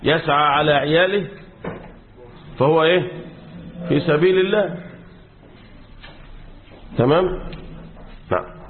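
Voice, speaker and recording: A man's voice: a little high, a little slow, long pauses, slight background noise. A man with an Egyptian accent, a sheikh lecturing a class on Quran commentary, quizzing his students with fill-in questions and repeating key words. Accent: Egyptian Arabic. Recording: tinny lo-fi phone-like recording.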